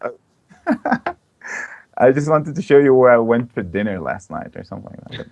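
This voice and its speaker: Chatty and enthusiastic, this young interview guest from Belgium fills his speech with "uh" and "like." His mid-range voice is very animated, a bit creaky and mellow, moving at a moderate pace through an online call microphone.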